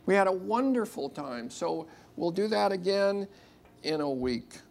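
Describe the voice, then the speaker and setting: Slow-paced church leader addressing a congregation. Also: medium pitch, expressive, creaky, darkish tone. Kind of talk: announcements and spoken prayer to a congregation. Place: church service room.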